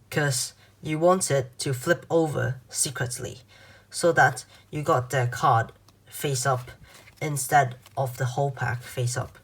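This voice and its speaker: A woman's voice: low-pitched, breathy edge. A woman giving informal card magician patter, talking viewers through a trick step by step in an instructional way, addressing them directly. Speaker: card magic tutorial presenter.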